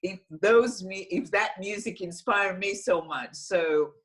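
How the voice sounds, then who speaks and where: A woman in her forties with an Israeli accent, a singer-songwriter talking slowly and thoughtfully on a video call interview. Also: medium pitch, husky. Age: 40s. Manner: slow and thoughtful, with frequent restarts and laughs. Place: small room at home, indoors.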